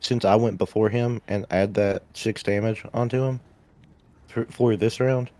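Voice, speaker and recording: A young man playing a tabletop game, talking in a laid-back, deliberate way. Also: on the low side, fairly even intonation, dark tone. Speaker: player.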